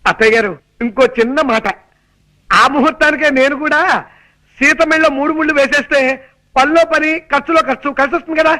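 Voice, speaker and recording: A man's voice: very high-pitched, fairly even intonation, fairly quick, poor audio. A young actor playing a harried suitor who raises his voice for a deaf older relative in a film comedy. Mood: eager. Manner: wry, exasperated, loud when explaining.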